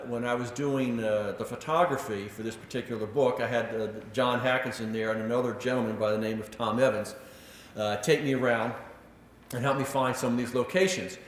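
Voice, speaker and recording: A man giving a public history lecture, telling stories with animated delivery and acting out quotes, with frequent filler words. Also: mid-range voice, a little hiss or hum. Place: lecture room. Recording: echoey lecture hall.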